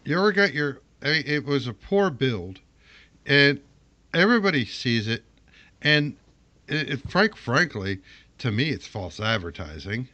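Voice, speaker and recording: Podcast co-host, male, unhurried and rambling, bright tone. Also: medium pitch, lively intonation, dull audio. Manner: rambling, halting, frequent restarts. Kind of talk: casual chat.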